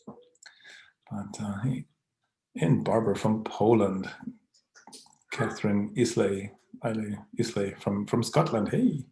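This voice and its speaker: A man's voice: lowish voice, a little slow, warm tone, echoey room. A man hosting a casual live online Q&A. He reads viewer comments aloud, greets people by name, and chuckles often.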